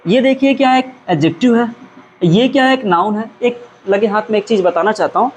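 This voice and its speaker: His voice sits high but has a darkish tone, and a faint hiss or hum runs underneath. This male teacher runs a classroom grammar lesson, answering his own questions to students and hammering key words through repetition.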